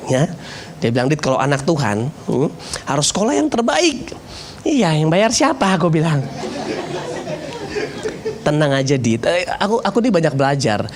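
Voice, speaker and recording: A man in his thirties, a pastor preaching in a sermon, telling a personal story with jokes, swinging between loud bursts and low confiding tones. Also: slight background noise. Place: church online service.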